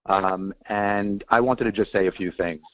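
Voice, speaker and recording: A man's voice: on the low side, fairly even intonation, unhurried. A man calling in over the phone to address a review board, speaking hesitantly with many ums, earnest and defensive. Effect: heard over the phone line. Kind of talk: public comment at a board hearing. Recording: dull, dry phone-line audio.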